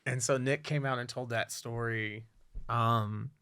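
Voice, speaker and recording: A man talks loosely on a podcast, swearing freely and piling up fillers as he tells stories. His voice sits at an ordinary pitch and sounds dry and close to the mic. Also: steady tone, measured pace, sharp tone, clear, resonant tone, dry recording. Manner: rambling, profane, many fillers, drops low when somber. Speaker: podcast host. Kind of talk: casual chat.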